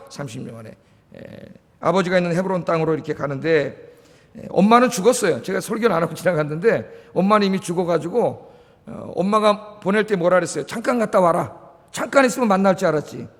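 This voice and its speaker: Male pastor preaching, fairly high voice, acts out the lines, long church reverb. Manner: animated storytelling, acts out quoted lines. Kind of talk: sermon. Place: church sanctuary.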